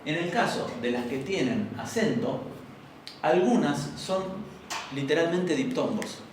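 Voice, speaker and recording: A man's voice: a little high, expressive, a little slow, far from the mic, slight background noise. Argentine man lecturing in an echoey classroom. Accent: Argentine Spanish. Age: young adult. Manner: explanatory, asks the class for agreement. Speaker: teacher. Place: university classroom. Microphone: far room microphone. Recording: very echoey room recorded from afar.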